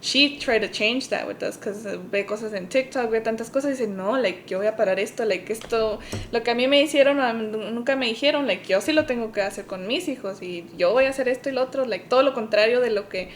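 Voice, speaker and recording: Spanglish-talking woman, faint rumble. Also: a little fast, few pauses. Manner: switches between English and Spanish mid-sentence; rises high and loud when quoting her parents. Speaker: podcast co-host. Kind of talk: casual personal storytelling.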